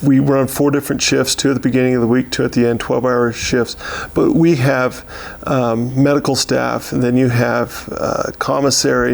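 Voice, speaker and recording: This American man is a county sheriff looking back on the year in an unscripted interview. He has a gravelly, medium-pitched voice, and he speaks steadily, though he often pauses and repeats himself.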